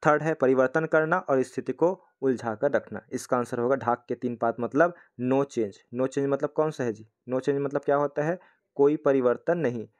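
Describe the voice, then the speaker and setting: A young man works through exam questions as a teacher. He keeps putting questions to his students and answering them himself, often stopping to say "thik hai." His voice sits at a middling pitch. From India. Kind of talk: explaining test questions in a lesson.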